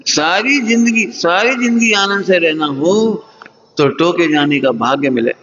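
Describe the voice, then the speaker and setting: A man preaches to a hall of students, his voice sitting fairly high and full of life as he acts out little scoldings and chuckles along the way. The sound rings with long reverb from a large hall. The recording itself is dull and lo-fi. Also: a little slow. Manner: lively, acts out scoldings with sudden high jumps; chuckles often while teaching. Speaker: Jain religious teacher. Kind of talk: morning sermon to students.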